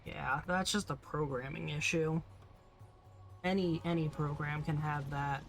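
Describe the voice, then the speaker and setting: A man's voice: a little high, fairly even intonation, a little slow, creaky, fairly bright tone. Casual male streamer with music behind. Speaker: streamer, host. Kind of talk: casual live gaming stream chat.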